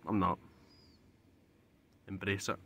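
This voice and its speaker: A man's voice: low-pitched, flat delivery, slow, bright, forceful tone. A young man with a Scottish accent chatting casually to camera as a vlogger. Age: young adult. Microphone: phone at arm's length. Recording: faintly noisy phone recording.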